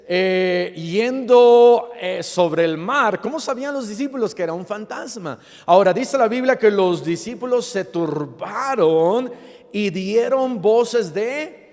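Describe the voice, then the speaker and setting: A man preaching a sermon as pastor to his congregation, asking them playful rhetorical questions and often pausing with fillers and restarts. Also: high voice, darkish tone. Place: church sanctuary. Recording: long reverb of a church hall.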